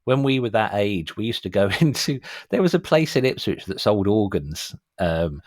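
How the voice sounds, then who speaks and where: A man's voice: fairly low pitch, sing-song, moderate pace, darkish tone, no echo, clean studio sound. A middle-aged man, chatting casually and telling anecdotes as a music show host. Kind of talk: casual chat.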